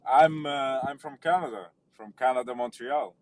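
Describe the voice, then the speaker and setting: Hesitant caller from Lebanon. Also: male voice, mid-range voice, normal speed. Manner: hesitant, many fillers and restarts. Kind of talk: casual call-in chat.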